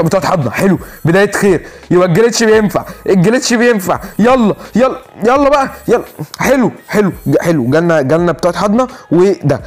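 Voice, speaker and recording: Man, Egyptian Arabic accent, gameplay commentary, very fast talker, slightly high voice, repetitive and excitable. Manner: excitable, rapid-fire repetition, pleading and joking with viewers. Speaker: gaming YouTuber.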